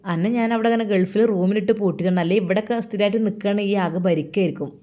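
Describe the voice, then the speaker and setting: A woman's voice: mid-range voice, rapid-fire, dark tone, close to an everyday voice. A woman voicing an angry, stubborn sister-in-law who scolds and threatens. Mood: sulky.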